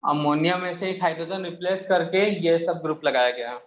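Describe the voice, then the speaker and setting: A man's voice: fairly high pitch, a little fast. Echoey chemistry teacher quizzing his class. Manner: quizzes students, calls them beta. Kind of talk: classroom lecture. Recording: echoey room, muffled, faint hiss.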